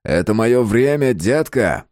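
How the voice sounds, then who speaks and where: A man's voice: medium pitch, big pitch swings, measured pace, darkish tone, no room sound, pitched above the performer's own voice. A man reading an audiobook voices a wry, joking young husband close to his own voice. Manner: joking, easygoing. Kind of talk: audiobook character voice.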